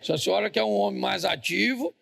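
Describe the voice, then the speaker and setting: Gravelly joking pastor. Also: male voice, sits high, fairly bright tone. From Brazil. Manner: joking, talks with the congregation, quick asides. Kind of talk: humorous sermon. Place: church service.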